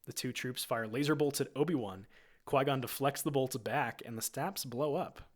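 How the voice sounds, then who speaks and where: A man's voice: medium pitch, moderate pace. A man reading screenplay stage directions aloud in a plain amateur way, now and then breaking off to comment. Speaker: reader.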